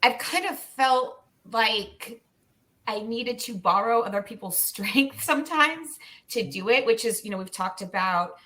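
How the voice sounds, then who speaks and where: A woman hosts a casual panel, talking in a chatty, candid way with frequent laughter. Her voice is bright and crisp. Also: fairly high pitch, a little slow. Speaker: panel host.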